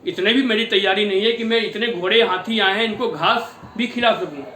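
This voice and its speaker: A man's voice: sits high, a little fast, pushed and bright, echoey room. A man voicing a panicked father of the bride who pleads for help in a devotional story. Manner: frantic, pleading, tearful.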